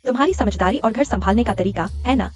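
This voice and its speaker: A woman dubbing a greedy young fiancée who coaxes and wheedles, with soft music behind. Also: a little high, quick pace, natural voice. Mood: wheedling. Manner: wheedling, coaxing.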